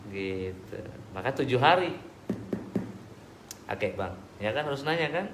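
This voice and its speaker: A man preaching and answering audience questions in a relaxed, conversational way with everyday examples. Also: medium pitch, a little slow. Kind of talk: casual religious Q&A talk. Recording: echoey room with background noise.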